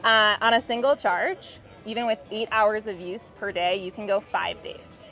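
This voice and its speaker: In an interview-style product demo, a company representative explains her product in an upbeat, casual way. Her medium-pitched voice is steady, bright and pushed, at a normal speed. The audio is muffled and band-limited, with background music.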